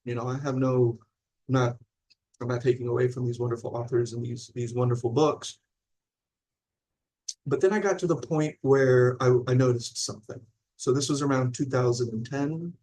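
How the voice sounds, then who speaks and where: A man's voice: medium pitch, steady tone, moderate pace, a little mellow. A man in his forties from Illinois, teaching mindfulness in a rambling, conversational live talk that often checks in with listeners. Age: 40s. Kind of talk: live-streamed talk reading viewer comments.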